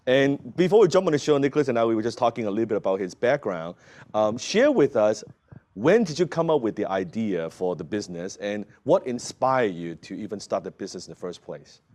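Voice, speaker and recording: Low, mellow-voiced male show host. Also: big pitch swings, a little fast. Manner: enthusiastic welcome, frequent short affirmations. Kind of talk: interview hosting.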